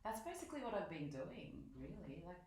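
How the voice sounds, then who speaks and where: Low-pitched woman, bright sharp tone, chatty and laughing, super echoey room, faint noise. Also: sing-song, brisk. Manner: laughs easily, chatty with many fillers. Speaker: guest performer. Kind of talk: casual interview chat.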